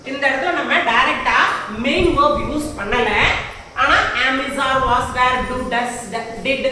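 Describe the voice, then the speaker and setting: A woman with a Tamil accent teaches English grammar in a classroom, explaining in a mix of Tamil and English and often stopping to ask whether her students follow. Her high voice is slow, bright and forceful. The room is very echoey, she is far from the mic, and there is faint background noise.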